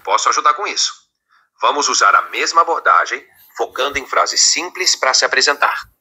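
A man's voice of an AI tutor, speaking patiently and encouragingly, slowing down for the model phrases. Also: mid-range voice, animated, pushed and bright, breathy edge.

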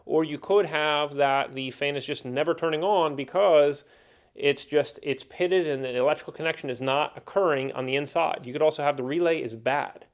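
A man's voice: a little high, normal speed. A man in his thirties teaching circuit board troubleshooting in a plain, practical way, with the odd filler, from a small training room. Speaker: HVAC instructor. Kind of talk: technical training explanation. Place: indoor training room with whiteboard.

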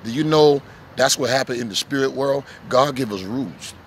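A man preaching casually outdoors as a street preacher, telling animated stories and acting out little voices. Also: mid-range voice, normal speed, a little hiss or hum. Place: outdoors in the sun.

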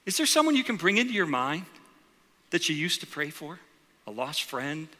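A middle-aged pastor preaching in a large church auditorium, his fairly high, bright voice rising and falling with lively animation. He tells stories and acts out quoted voices. The long reverb of the hall trails after his words. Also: normal speed. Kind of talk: sermon storytelling to a congregation.

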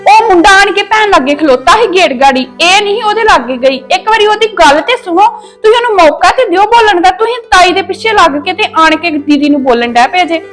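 A woman's voice: very high voice, lively intonation, a little fast, a bit bright, soft background music. A young woman playing a loyal younger daughter who earnestly pleads with her father for her sister. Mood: pleading. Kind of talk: domestic drama acting.

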